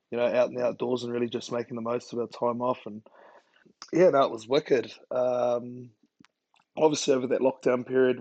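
Flat-toned man, broad Kiwi accent. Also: medium pitch, dry recording, highs cut off. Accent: broad New Zealand. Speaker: rugby player guest. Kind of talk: casual interview chat.

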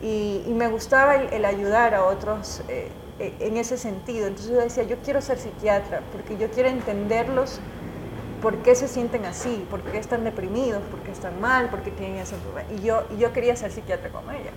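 A woman journalist, telling her own stories as an interview guest in an animated, emotional way, full of restarts. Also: on the high side, brisk, background noise. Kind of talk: casual conversational storytelling. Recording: echoey room.

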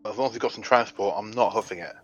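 Low-voiced man playing a tabletop game. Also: very fast, breathy edge, muffled recording. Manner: casual, laughing, blunt plans. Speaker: player.

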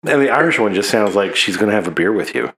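A man's voice: fairly low pitch, fast. Laid-back male podcast co-host. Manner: relaxed, teasing, drinking beer while recording. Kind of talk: casual chat.

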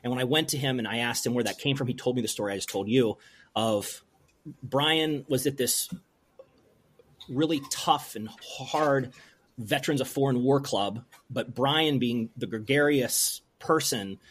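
A man from rural Pennsylvania speaks as an interview guest, earnest and halting, often starting his sentences over. His voice sits at an ordinary middle pitch, and the talk feels heartfelt and unpolished. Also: husky. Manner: earnest, halting, with many restarts. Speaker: brewery owner, guest. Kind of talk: emotional interview storytelling.

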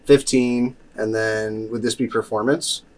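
A man's voice: on the low side, fairly even intonation, measured pace, recorded from a distance, a little hiss or hum. A man playing a tabletop game, talking through rules and rolls in casual chat.

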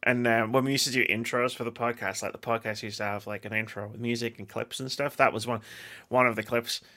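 Bright, tense-toned podcast co-host who laughs a lot and swears casually. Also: mid-range voice, fast. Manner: laughs often, swears, animated storytelling.

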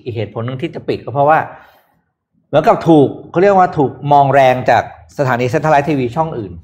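A man co-hosting a podcast, explaining business news in a casual, lively chat and asking rhetorical questions. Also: a little high, brisk. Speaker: podcast co-host presenting news.

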